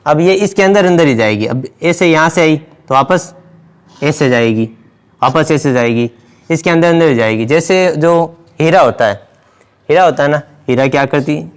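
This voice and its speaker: A man's voice: a little high, expressive, moderate pace, smooth. A man teaching a science lesson, explaining step by step and repeating key words as he writes on the board. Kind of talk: blackboard lesson.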